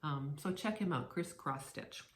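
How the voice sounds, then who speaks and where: A woman chatting casually on her cross stitch vlog, playful and warm with friends, often repeating words as she restarts. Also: deep voice, measured pace. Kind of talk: casual chat to camera. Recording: roomy echo.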